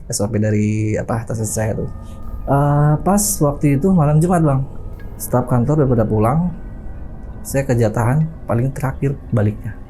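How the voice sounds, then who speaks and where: A man's voice: mid-range voice, animated, moderate pace, warm tone, faint music behind. A young man casually telling a personal ghost story in a chatty way, often calling his listener "Bang" and imitating the sounds he heard.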